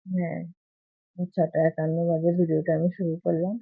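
A woman, hoarse from a cold, chatting in a rambling, repetitive way to her viewers in a casual morning vlog. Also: fairly low pitch, flat delivery, normal speed, no echo. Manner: rambling, repetitive, keeps asking viewers if they follow. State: hoarse from a cold and sore throat. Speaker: vlogger. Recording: tinny phone-like audio.

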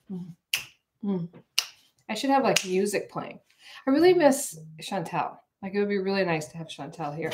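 Chatty woman in her forties with a lowish voice, rambling casually to live viewers from her kitchen. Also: slight background noise. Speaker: vlogger hosting a live cooking stream. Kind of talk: casual live-stream chat while baking. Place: home kitchen, indoors. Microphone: camera on the counter.

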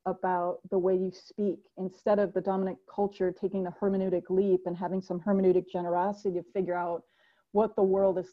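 A woman hosting a speaker series over a video call, talking in an engaged, discursive way. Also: medium pitch. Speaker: host, political science professor. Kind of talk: moderating a video-call talk. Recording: muffled lo-fi video call audio.

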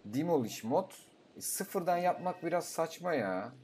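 A young man giving casual gameplay commentary, talking to himself, swearing and breaking into excited outbursts. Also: a little high, a little slow, slightly rough. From Turkey. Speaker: gaming YouTuber.

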